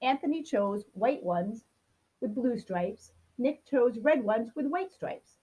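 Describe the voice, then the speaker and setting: A woman's voice: on the high side, expressive, slow, dark tone, slightly rough, muffled recording. A woman reading a children's picture book aloud, expressively acting out a grumpy child's complaints. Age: adult. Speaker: storybook reader.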